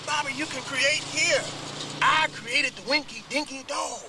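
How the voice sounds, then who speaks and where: An actor playing an exasperated, boastful fast-food boss in a comedy film, emphatic and cajoling. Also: male voice, very high-pitched. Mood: proud, cajoling. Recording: film clip with noisy backdrop.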